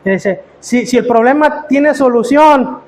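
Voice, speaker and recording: A man's voice: very high voice, unhurried, a little mellow. A man, preaching a sermon as pastor, asking his listeners rhetorical questions and often stumbling over repeated words.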